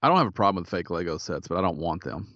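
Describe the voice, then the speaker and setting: A man's voice: low voice, animated, rapid-fire, fairly bright tone, no room sound, dull audio. A man co-hosting a podcast, chatting casually in a laid-back, somewhat tired way. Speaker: podcast co-host. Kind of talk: casual chat.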